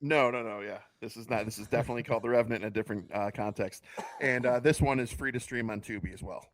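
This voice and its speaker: Male podcast co-host, mid-pitched, sarcastic and exasperated, dry close mic. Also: fast talker, no room sound. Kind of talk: casual podcast chat.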